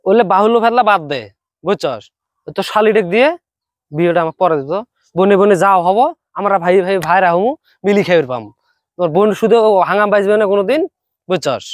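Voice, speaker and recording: Man, whiny complaining, high voice, dry sound. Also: a little fast, no room sound. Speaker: comedy skit actor. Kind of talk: comedy skit acting.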